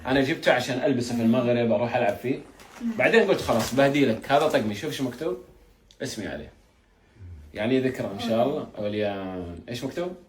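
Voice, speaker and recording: A man with a Saudi Arabic accent chatting warmly with a family, coaxing and laughing often, repeating his phrases. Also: mid-range voice, expressive, rapid-fire. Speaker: youth football coach giving gifts. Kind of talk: casual chat with a family. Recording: roomy echo, faint background noise.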